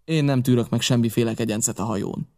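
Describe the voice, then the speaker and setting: A man's voice: mid-range voice, fairly even intonation, creaky, darkish tone, close to an everyday voice. A man reading an audiobook, voicing a stern, curt ship captain who barks orders at his crew. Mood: commanding. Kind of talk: audiobook character voice.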